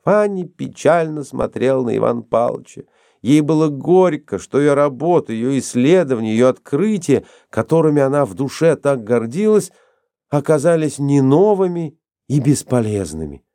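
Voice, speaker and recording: An audiobook narrator reads a story expressively in scripted narration. His voice is medium-pitched at a moderate pace, captured with clean studio sound and no echo.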